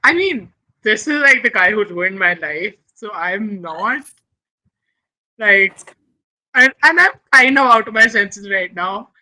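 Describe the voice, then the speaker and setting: A woman's voice: medium pitch, animated, slow, bright, forceful tone, rough recording. A woman playing a character in a tabletop game, speaking hesitantly. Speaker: player. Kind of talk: casual tabletop play.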